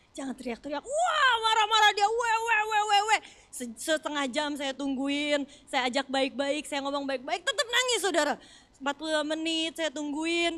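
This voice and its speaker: A woman pastor in her thirties preaching a sermon, swinging from loud emphasis to soft near-whispers and often addressing the congregation directly. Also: sits high. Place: church hall.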